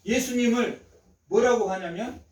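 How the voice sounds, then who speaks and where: Man, pastor, Sunday sermon, very high voice, emphatic repetition, rhetorical questions, echoey church hall, mic some distance off. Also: unhurried, a little mellow. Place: church sanctuary.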